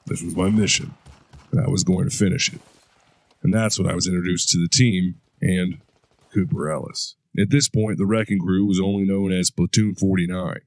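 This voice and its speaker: In an audio drama, a man plays a hardened war veteran under interrogation, recounting events gruffly in a blunt, profane way. His voice sits low and steady at a moderate pace, on a dry recording.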